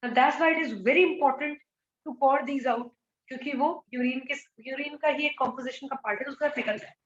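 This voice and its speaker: A high-pitched woman teaches a school biology lecture, explaining each step and stopping to ask rhetorical questions. Her voice rings in an echoey room. The recording sounds muffled and dull. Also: fairly even intonation, normal speed. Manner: explains in mixed Hindi and English, asks rhetorical questions.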